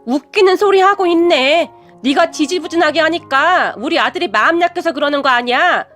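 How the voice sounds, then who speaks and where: A woman voicing a furious, snobbish middle-aged mother who shouts with contempt. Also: very high-pitched, moderate pace, soft background music, pitched above the performer's own voice. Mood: angry, scornful.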